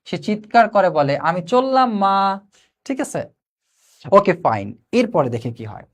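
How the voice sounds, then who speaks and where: A male English teacher with a Bangladeshi accent giving a live online class. He asks the students quick questions, answers them himself and slows down to read English lines word by word. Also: on the high side, sing-song, breathy edge. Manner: addresses students directly, invites comments.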